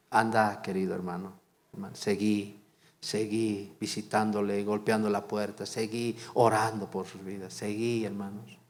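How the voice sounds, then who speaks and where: A man's voice: on the low side, a little mellow, in a large hall. A man preaching a sermon as pastor, fervent and repetitive, asking the congregation question after question. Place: church.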